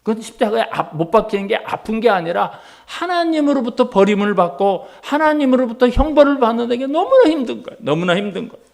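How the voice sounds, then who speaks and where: A male pastor preaching a sermon, acting out quoted voices and swinging from hushed passages to loud, emphatic ones. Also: very high-pitched, big pitch swings, fairly quick, creaky, few pauses.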